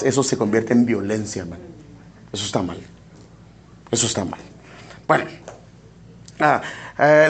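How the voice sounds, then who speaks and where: A male pastor preaching a sermon in an animated, joking way, often calling listeners "hermano". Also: on the high side, breathy edge.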